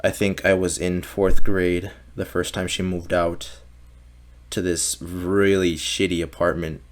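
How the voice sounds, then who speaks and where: Young man, from Mexico, very deep voice, casual guest chat, swears, lots of "like". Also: little pitch movement, a little slow. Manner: casual, swears often, many "like" fillers. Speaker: podcast guest. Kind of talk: casual conversation.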